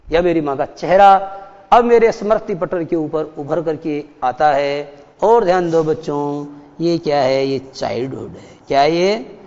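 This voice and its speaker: A man teaches a class, stopping often to quiz his students and repeat key points. His voice sits high. The recording is muffled and rings with a long reverb. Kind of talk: classroom lecture. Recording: dull echoey hall.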